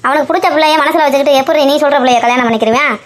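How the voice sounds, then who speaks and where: A woman's voice: high voice, very fast, lightly acted. A woman voicing a bossy, chatty middle-aged wife in a cartoon comedy, scolding and lecturing.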